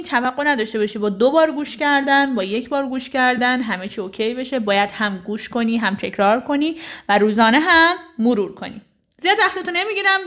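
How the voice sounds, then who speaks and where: High-voiced woman teaching phrases. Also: fairly bright tone. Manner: repeats each phrase slowly, then explains it briskly. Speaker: language teacher. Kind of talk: phrase lesson with slow model sentences.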